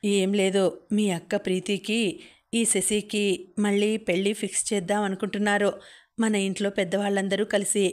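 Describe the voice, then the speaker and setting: A woman voicing an earnest, protective young man in a spoken audiobook novel, with a gentle, pleading manner. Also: high voice, level tone, moderate pace, lightly acted. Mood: firm.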